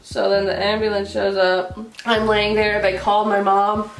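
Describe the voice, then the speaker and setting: A woman's voice: medium pitch, a little slow. A young woman telling a story in a casual vlog, laughing often and saying "like" a lot, putting on voices for the people in the story. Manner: giggly, laughs through the story, heavy use of "like"; acts out other people's lines in animated voices. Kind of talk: casual storytime while getting ready. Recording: echoey room with faint music.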